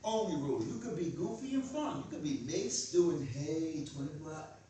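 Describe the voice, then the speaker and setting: A man from Queens with a Queens New York accent, delivering an animated, profane comedic rant in punchy, repeated phrases and rhetorical questions. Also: high-pitched, brisk, a little hiss or hum. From Queens, New York, USA. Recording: very echoey room, distant mic.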